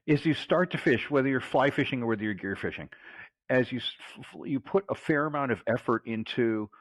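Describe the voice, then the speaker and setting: A man's voice: medium pitch, no room sound, poor audio. Dry-sounding male angler guest. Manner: restarts and stumbles while explaining. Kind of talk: casual interview answer.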